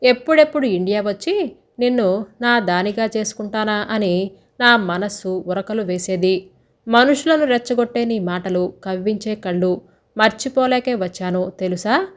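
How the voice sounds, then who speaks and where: A woman voicing a young groom in a storybook tale, speaking softly and affectionately with a playful tease. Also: mid-range voice, moderate pace, lightly acted. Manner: soft, affectionate. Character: young groom, gentle and teasing. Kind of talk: storybook dialogue.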